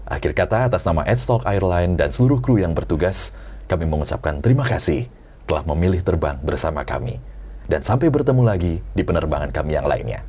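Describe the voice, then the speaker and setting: Guy putting on a formal pilot voice doing a cockpit announcement to passengers, smooth and measured, very deep. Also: lively intonation, mellow, a little hiss or hum. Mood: formal, composed. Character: formal male airline pilot making cabin announcement. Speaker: voice talent.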